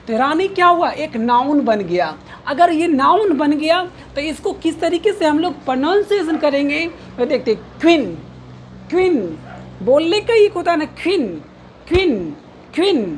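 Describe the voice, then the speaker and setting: A woman teacher with a bright, high-pitched voice walks through vocabulary and pronunciation. She repeats every word many times in a steady drill, posing questions and answering them herself. A faint background noise sits beneath her voice. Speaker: English teacher. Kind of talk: pronunciation lesson, explaining word by word.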